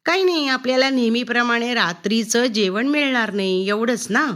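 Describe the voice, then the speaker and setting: A woman reading her own story aloud in an expressive first-person narration. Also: on the high side, normal speed.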